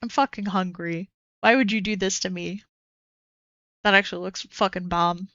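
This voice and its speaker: A young woman streamer chatting casually and excitably as she reacts to a video, swearing freely. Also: medium pitch, normal speed, no echo, lo-fi sound. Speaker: streamer host.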